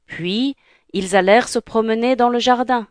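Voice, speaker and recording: A woman reading a fairy tale aloud, calm, clear and unhurried. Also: on the high side, no room sound, studio quality. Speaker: storyteller. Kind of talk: storybook read-aloud.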